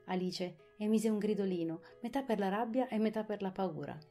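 A woman narrating an audiobook of a children's classic, expressive and clear. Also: mid-range voice, normal speed, soft background music.

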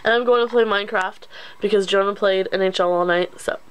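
A woman's voice: medium pitch, steady tone, fairly quick, a little hiss or hum, rough recording. Playful young woman. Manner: playful, teasing. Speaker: vlogger co-host. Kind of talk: casual vlog chat.

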